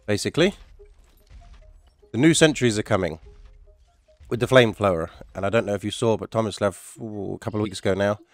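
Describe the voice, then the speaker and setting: Stuffy and nasal from a cold, this YouTuber's fairly low voice chats and rambles as he commentates a survival game, with some mild swearing. There's no room sound.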